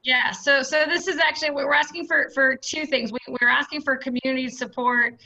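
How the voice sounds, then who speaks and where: A woman's voice: high-pitched, steady tone, a little fast, pushed and bright. A woman representing an applicant at a virtual public meeting. Her video-call audio is buzzy and glitchy and breaks up, and she often repeats words and restarts her phrases. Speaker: applicant's representative at a community board hearing. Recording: dull, lo-fi video call line.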